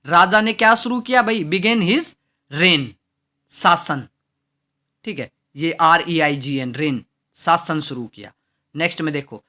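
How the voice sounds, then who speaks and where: A man with an Indian English accent teaches English vocabulary in a bright, slightly high voice. He spells words out letter by letter and reads example sentences very slowly. He keeps asking the class questions and then answers them himself. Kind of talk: classroom lesson explaining vocabulary.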